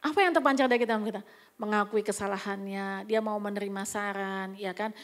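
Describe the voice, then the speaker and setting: A woman's voice: mid-range voice, steady tone, a little fast. A woman pastor, giving a chatty, anecdotal sermon at a church service with occasional whispered asides. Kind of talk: conversational sermon.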